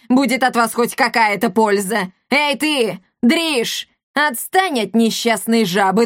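Woman doing a loud bossy commandant lady, yelling at kids, storybook voice, dry close sound. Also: fairly high pitch, no room sound, pitched above the performer's own voice, lightly acted. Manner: shouting, scolding. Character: bossy, hot-tempered big woman commandant.

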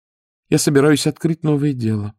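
A man voicing an anxious woman in an audiobook, speaking quietly and hesitantly in nearly his own voice. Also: fairly high pitch, moderate pace, no echo, studio quality, pitched above the performer's own voice, natural voice.

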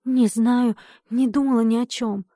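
A woman's voice: fairly high pitch, fairly even intonation, a little slow, warm tone, dry recording, clean studio sound, voice pushed up. A woman voicing a young village girl who speaks in an anxious, pleading way.

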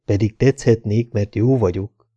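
A man voicing an affected, flirtatious woman at a bar who talks in a slow drawl. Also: fairly low pitch, dark tone, husky, lo-fi sound. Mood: coaxing.

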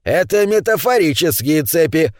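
A man voicing a grumpy, touchy male gnome miner who takes offence quickly. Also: fairly high pitch, big pitch swings, a little mellow, no echo, clean studio sound. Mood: proud. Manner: indignant, quick to take offence.

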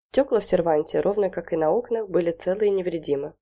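Dark-voiced woman reading a novel. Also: on the low side, fast talker. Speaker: narrator. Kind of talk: audiobook narration.

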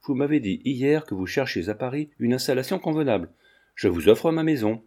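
A man reading the part of a self-assured, flirtatious gentleman, bold and insistent. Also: mid-range voice, expressive, fairly quick, natural voice.

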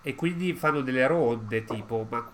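A man's voice: medium pitch, normal speed, over a noisy crowd. A man talking casually as a player in a tabletop game, often repeating words and short phrases. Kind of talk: casual group chat during a game. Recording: faint background noise.

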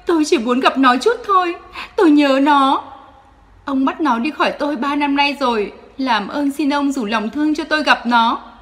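A woman voicing a desperate young mother who begs tearfully for her child in a high, strained voice. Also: measured pace. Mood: desperate pleading.

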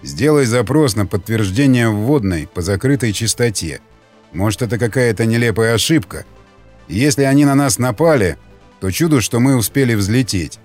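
A man's voice: mid-range voice, lively intonation, moderate pace, a little mellow, soft background music, close to an everyday voice. A man voicing a stern male aircraft commander giving firm orders. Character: stern middle-aged male bomber commander.

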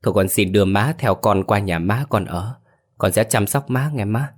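A man voicing a grieving young widow in a ghost story, pleading and softly respectful as she begs to leave. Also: on the low side, normal speed, close to an everyday voice.

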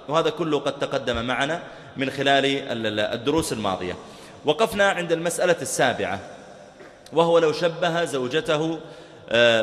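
Fast-talking preacher in an echoey hall. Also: male voice, medium pitch. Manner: fast, animated teaching with acted-out example dialogues. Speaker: Islamic preacher. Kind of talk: recorded religious lesson on jurisprudence. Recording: roomy echo, long reverb.

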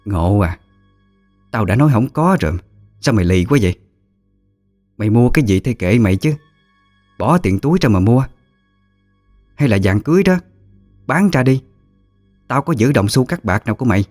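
A man's voice: mid-range voice, animated, moderate pace, pauses often, darkish tone, dry recording, soft background music, lightly acted. A man voicing a stubborn, scornful old mother-in-law, talking in curt, clipped bursts.

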